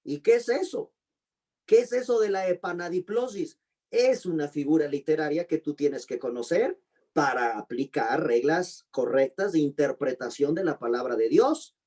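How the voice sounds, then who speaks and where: A pastor giving an online Bible class, slowly repeating and spelling out terms and putting questions to his students. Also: on the high side, a little mellow. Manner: slow, deliberate spelling-out of terms. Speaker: pastor and teacher.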